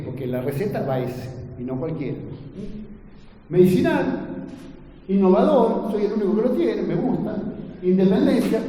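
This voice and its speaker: A man gives an earnest lecture, his voice mellow and pitched a little high. He keeps drawing the audience in with quick tag questions. He sounds distant in a long-echoing hall with a faint hum of room noise. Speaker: agronomy lecturer.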